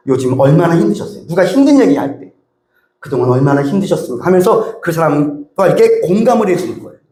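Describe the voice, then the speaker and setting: High-voiced pastor preaching in an echoey church. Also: male voice. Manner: emphatic, with many rhetorical questions to the congregation. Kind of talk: sermon. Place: church sanctuary. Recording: roomy church echo.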